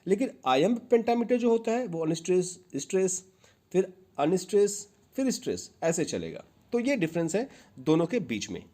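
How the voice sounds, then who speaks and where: A man teaching literature gives a very animated exam-prep lecture at a moderate pace, his voice high-pitched yet dark. He mixes English terms into his Hindi and explains patiently, repeating key points.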